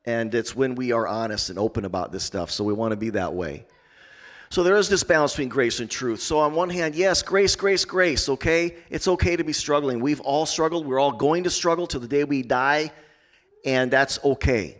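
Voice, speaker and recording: Earnest pastor, middle-pitched man. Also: moderate pace. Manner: earnest, repetitive, rising to emphatic. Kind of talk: pastoral exhortation on a panel. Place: church conference stage.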